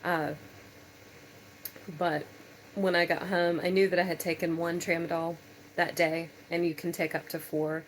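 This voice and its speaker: Tired woman recovering from surgery chatting on a vlog, lowish monotone, hesitant, some background noise. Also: low-quality recording. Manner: halting, hesitant delivery with long pauses. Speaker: patient vlogger. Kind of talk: casual personal vlog.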